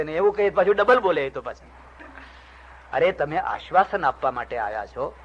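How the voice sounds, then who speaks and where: Older man, swami delivering a storytelling discourse, voices the characters, somewhat high pitch, dull lo-fi recording. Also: a bit bright, slightly rough. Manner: acts out dialogue in the stories, shifting voice for each character. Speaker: swami giving a religious discourse. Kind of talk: storytelling sermon.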